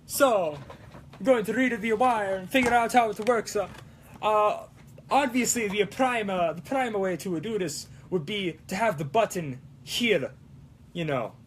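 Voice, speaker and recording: Speaking a little slowly in a high register, a livestream host rambles casually during a crafting session. He hams it up with a shaky put-on Italian accent and theatrical mock-Italian exclamations, and the recording carries slight background noise.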